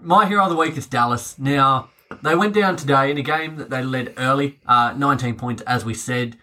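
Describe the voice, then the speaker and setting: A chatty man hosts a casual sports podcast at a mid pitch. He talks in an upbeat, easygoing way and keeps the segments moving. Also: a little fast, pushed and bright. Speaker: podcast host.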